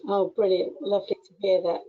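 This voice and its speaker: A woman's voice: medium pitch, little pitch movement, fairly quick. A woman hosting an online interview, giving encouraging replies and asking follow-up questions. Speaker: interviewer, event host. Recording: dull lo-fi audio.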